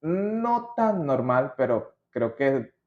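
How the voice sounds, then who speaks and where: Very animated yet very slow, this man's mid-range voice carries a Venezuelan accent as he hosts a podcast. He chats casually from his notes, peppering in slang and wandering off on tangents, and the recording is muffled and roomy.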